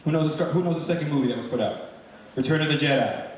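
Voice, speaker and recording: A man's voice: a little high, rapid-fire. A man from doing a chatty stand-up comedy set in a comedy club, teasing the crowd. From Brooklyn, New York. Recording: echoey live club recording from far off, crowd noise.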